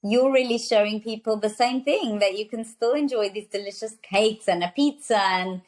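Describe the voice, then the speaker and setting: A South African nutrition author in her thirties chats as a podcast guest in a casual interview. Her voice is a little high with a darkish tone and a moderate pace, and she's enthusiastic, full of fillers and restarts.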